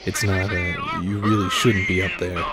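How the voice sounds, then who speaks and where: A man's voice: deep voice, level tone, normal speed, loud music behind the voice, close to an everyday voice. A man playing a hesitant, polite pizzeria employee in a skit, awkward and pleading. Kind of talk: skit character acting.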